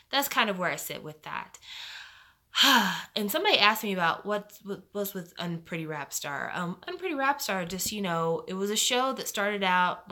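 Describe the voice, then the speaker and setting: A woman's voice: mid-range voice, bright, forceful tone. A young woman hosting a live stream, chatting casually and giving strong opinions with lots of fillers. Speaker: livestream host.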